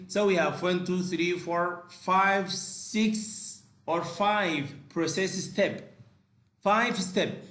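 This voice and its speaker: Male teacher, fairly high voice, deliberate pace, halting bilingual lecture. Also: a bit bright, echoey room. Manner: switches between halting English and rapid explanations, many fillers and restarts. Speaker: language teacher.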